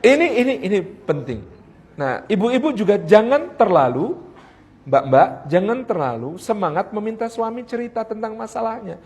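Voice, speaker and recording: A man's voice: high-pitched, sing-song, normal speed, a little mellow, breathy edge. A middle-aged man giving a joking marriage sermon, acting out husband and wife in quoted voices. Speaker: preacher.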